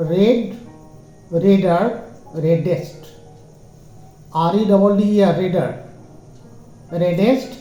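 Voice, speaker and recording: A man teaching English grammar, explaining the rules slowly and spelling words out letter by letter. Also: high voice, warm tone, echoey room, rough recording. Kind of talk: grammar lesson in Bengali.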